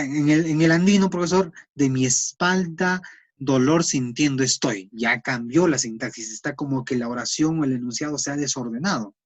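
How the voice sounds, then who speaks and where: A man gives a recorded class lecture in a mid-pitched voice. He explains patiently, pausing on fillers and checking in with tag questions. The sound is dry and close, with no room echo. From Peru. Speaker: teacher.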